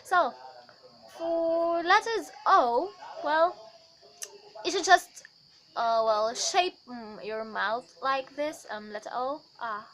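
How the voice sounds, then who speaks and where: A woman's voice: high-pitched, animated, takes it slowly, a bit bright, low-quality recording. A young woman giving a casual vlog lesson on pronunciation, chatty, with many fillers and self-corrections. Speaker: accent tutor.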